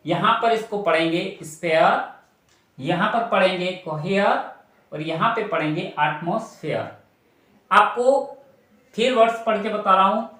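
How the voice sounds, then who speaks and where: A man teaches a phonics lesson, speaking slowly and spelling out letters one by one. His voice is bright and clear, and he repeats each rule patiently. The room around him is echoey. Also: high-pitched. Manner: slow, repetitive, explaining step by step.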